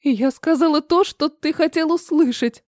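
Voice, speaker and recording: A woman's voice: high voice, moderate pace, a little mellow, no echo, studio quality, voice pushed up, natural voice. A woman voicing a frightened young mother who speaks with a trembling voice in an audiobook story. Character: frightened young mother defending her child.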